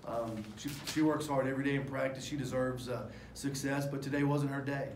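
A man's voice: mid-range voice, steady tone, fairly quick. A man in his forties, a head basketball coach at a postgame press conference, talking candidly and rambling through fillers and restarts into table microphones. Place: press room in front of a sponsor backdrop. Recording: echoey room with faint noise.

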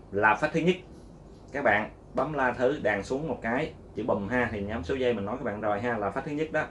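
Patient man teaching guitar strumming. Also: mid-range voice. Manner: patient, repetitive, counts strums aloud with sound words. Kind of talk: casual spoken guitar lesson. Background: guitar playing.

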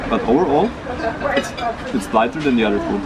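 A man reviewing food outdoors, talking with his mouth partly full, halting and searching for words while he eats. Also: medium pitch, lively intonation. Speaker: food vlogger. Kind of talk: casual food review vlog. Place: outdoor restaurant table by a road. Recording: loud street and traffic noise. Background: traffic noise.

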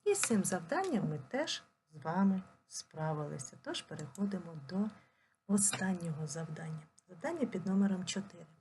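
A woman teaching a primary school language lesson, dictating slowly and clearly and drawing words out syllable by syllable. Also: fairly low pitch, animated, a little mellow, slight background noise. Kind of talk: recorded online lesson.

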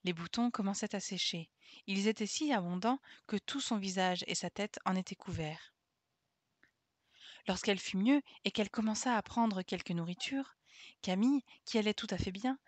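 A woman streamer reading a classic children's novel aloud in a calm, steady storytelling manner. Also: medium pitch, moderate pace, no room sound.

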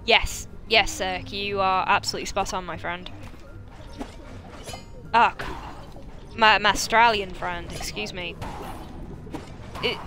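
Woman chatting through a game, thinks out loud, gets excited, loud game music under her. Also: mid-range voice, slow, pauses often. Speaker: game streamer. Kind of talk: live gameplay commentary.

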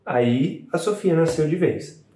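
Mellow-voiced man recounting a birth, casual and animated, roomy echo on the mic. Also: on the high side, slow pace. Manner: chatty, animated retelling with frequent "né" tags. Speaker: new father telling his partner's birth story. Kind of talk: casual storytelling to camera.

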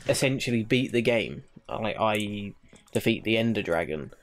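A man's voice: on the low side, animated, moderate pace. A man co-hosting a casual video-game session, teasing his partner with dry humour and rambling explanations. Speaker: gaming co-host. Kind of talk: casual let's-play banter.

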